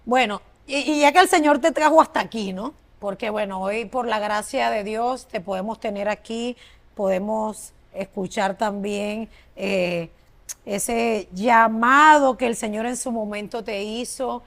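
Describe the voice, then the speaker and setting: A woman hosts an interview with a fairly high voice that has a strong gravelly fry running through it. She speaks effusively, showering her guest with admiration and affirmation. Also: a little slow. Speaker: host. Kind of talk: casual interview.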